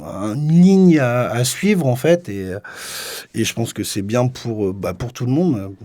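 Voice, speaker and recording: A man's voice: medium pitch, lively intonation, unhurried, mellow, no echo. A man who coordinates an association, explaining a project as a guest in a radio studio, rambling with many fillers and restarts. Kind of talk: radio interview.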